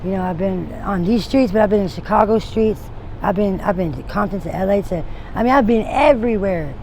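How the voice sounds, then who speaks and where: A woman's voice: medium pitch, a little fast, darkish tone. A woman in her forties giving a candid street interview, rambling and frank with many restarts and trailing thoughts. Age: 40s. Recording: noisy outdoor street recording with traffic.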